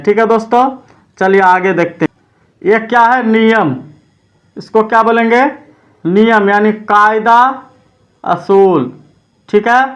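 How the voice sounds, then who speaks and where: A high-voiced man teaches an exam-prep vocabulary lesson at an unhurried, deliberate pace. He keeps asking his listeners what a word means, then answers himself and says it again. The delivery is patient and repetitive, built for drilling. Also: a bit bright.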